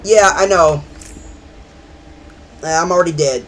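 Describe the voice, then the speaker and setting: A man's voice: fairly high pitch, takes it slowly, a bit bright. A man streaming a game, chatting in a rambling way with sudden outbursts. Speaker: gaming streamer. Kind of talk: casual chat while playing.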